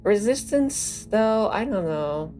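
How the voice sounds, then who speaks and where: A woman's voice: medium pitch, animated, slow, mellow, soft background music. A woman game streamer giving casual playthrough commentary in a musing, playful, sardonic way.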